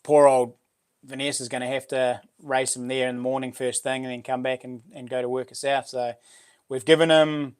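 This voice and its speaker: A man's voice: medium pitch, little pitch movement, normal speed, smooth. A middle-aged man with a broad New Zealand accent, chatting casually to livestream viewers in a laid-back, slangy, matey way. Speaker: livestream host.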